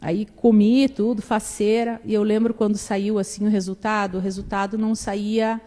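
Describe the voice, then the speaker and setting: A young woman giving a lively personal faith testimony, acting out the dialogue as she tells it. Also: mid-range voice, normal speed. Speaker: church testimony speaker. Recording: reverberant hall.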